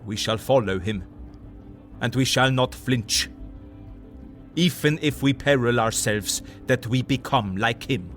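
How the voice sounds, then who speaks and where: A man's voice: medium pitch, measured pace, pauses often, a bit bright, soft background music, natural voice. Man playing Van Helsing, fervent older professor. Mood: solemn, resolute. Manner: foreign, ungrammatical English, emphatic oratory. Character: earnest older male professor, vampire hunter, eccentric and fervent. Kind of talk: audio drama acting.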